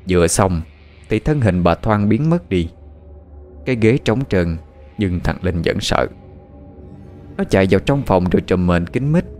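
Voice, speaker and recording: A man tells a dark tale, his low voice rising and falling a good deal. The storytelling is steady and dramatic. Faint music sits behind him.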